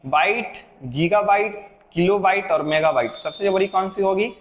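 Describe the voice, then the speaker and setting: Man, computer teacher, exam-prep lesson, rhetorical questions, high pitch, roomy echo. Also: moderate pace. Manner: explains step by step, repeats answers, asks rhetorical questions.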